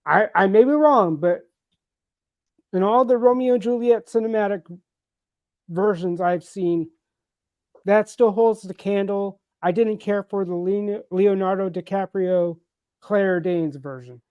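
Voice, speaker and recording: A man's voice: high voice, measured pace, darkish tone, dry recording. American man, dull lo-fi stream audio. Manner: thoughtful, rambling with restarts. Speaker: livestream co-host. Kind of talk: casual chat.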